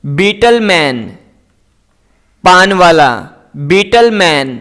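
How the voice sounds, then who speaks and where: A man teaching English words, saying each word and its meaning twice in a slow, deliberate drill. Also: high-pitched, expressive, a bit bright.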